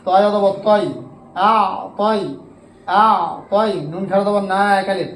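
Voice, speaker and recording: A man from Bangladesh teaching an online Quran lesson, spelling out letters and vowel marks and then slowly reciting each word. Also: sits high, little pitch movement, reverberant, slight background noise, rough recording.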